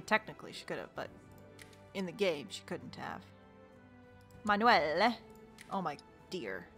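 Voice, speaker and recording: A woman's voice: mid-range voice, fairly bright tone. A woman casually commenting on her strategy game, exasperated and joking, talking to the characters and laughing often. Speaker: let's play gamer.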